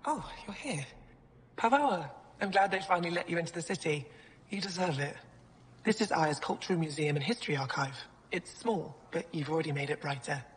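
Thoughtful alien curator with long reverb. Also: female voice, sits low, expressive, a little fast, slight background noise. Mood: welcoming. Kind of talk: video game dialogue. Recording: reverberant game audio.

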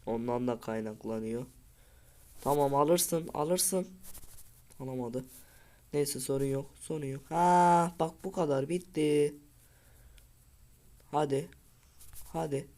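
A man's voice: a little high, slow pace, pauses often, a little mellow. A man giving casual commentary over a football video game, with frustrated outbursts and pleading at his players. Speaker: gaming video creator.

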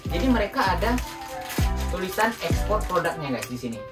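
With a high, sing-song voice and a brisk delivery, a young man from Indonesia chats casually to his vlog viewers, frequently calling them guys. He's recording indoors in a small room at home, and the audio is roomy and distant with music playing behind him.

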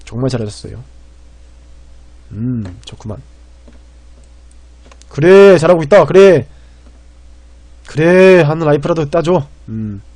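A man commentates his own game on a stream, talking in a fairly high voice. He rambles, jumping from loud panicked cries to low muttering, with keys clacking behind him. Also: expressive, slow pace, pauses often, no echo.

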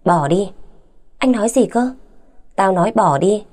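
Woman reading a cruel young husband: sneering, fast, mellow low-key tone. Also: animated. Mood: harsh contempt. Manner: harsh, sneering, fast insults. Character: brutal, contemptuous young man, abusive husband.

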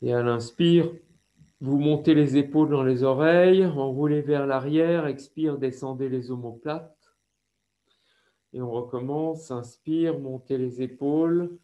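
A man with a French accent leading a yoga class over a video call, giving slow, calm instructions with breathing cues. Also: mid-range voice. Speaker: yoga teacher.

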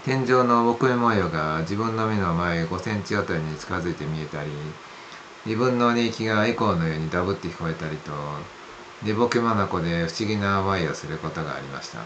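A man in his thirties reading a ghost story aloud in a measured, polite storytelling manner, indoors in a small room close to the camera. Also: low-pitched, fairly bright tone, dull audio. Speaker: amateur ghost story narrator. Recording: faint background room noise.

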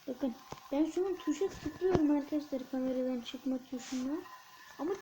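High-voiced woman, jumpy gameplay commentary. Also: normal speed, mellow, slight background noise, rough recording. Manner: jumpy and exclaiming, counting under her breath. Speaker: gamer streamer.

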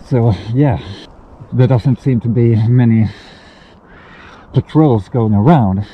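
A man's voice: mid-range voice, slow pace, noisy background. Muffled man vlogging through a gas mask. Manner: sweary, informal, talking to camera. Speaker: vlogger playing a survival mission. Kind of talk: casual first-person vlog narration. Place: outdoors in a forest. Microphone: handheld action camera at arm's length. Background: music.

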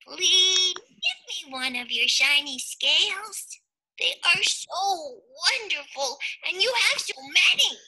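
Woman doing a high little pleading fish boy. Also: lively intonation, slow, full character voice, poor audio. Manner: eager, pleading, high and bright. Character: small pleading young male blue fish.

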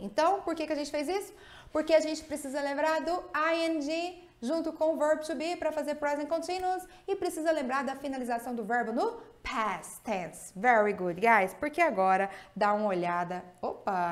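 Upbeat Brazilian English teacher, woman. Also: high voice. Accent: Brazilian Portuguese. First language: Portuguese. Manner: lively, asks the viewer many questions. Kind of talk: online grammar lesson.

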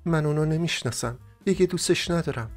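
A man's voice: lively intonation, soft background music. Man voicing a tearful young woman. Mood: distraught. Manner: high-pitched, pleading, tearful. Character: young heartbroken woman, emotional and tender. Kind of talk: audiobook character voicing.

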